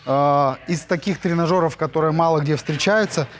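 A man's voice: a little high, normal speed, a little hiss or hum. Upbeat man touring a big gym. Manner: enthusiastic, chatty, hesitant fillers. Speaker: fitness vlogger. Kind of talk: walking gym tour. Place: large indoor gym. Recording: music playing under the voice. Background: background music.

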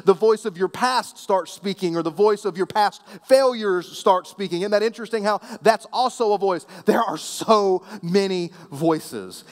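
A man preaching a sermon as pastor, conversational and playful with the congregation, often dropping soft and low at the ends of phrases. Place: church sanctuary. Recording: long reverb of a church hall.

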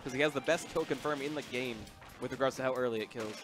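A man's voice: mid-range voice, quick pace, over music. A young man commentating a gaming tournament on a headset and promoting upcoming events, upbeat and rambling, with many fillers. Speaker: esports commentator and event organizer. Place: small game center room with shelves.

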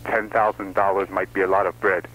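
A man on an old taped phone call, low and flat. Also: fairly quick. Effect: old taped phone call recording. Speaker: anonymous ransom caller.

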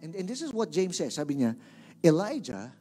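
A man's voice: high voice, big pitch swings, quick pace, a little mellow, slightly rough, faint music behind. A male pastor with a Filipino accent preaching a sermon in a church, emphatic, repeating words and calling on the congregation to answer back.

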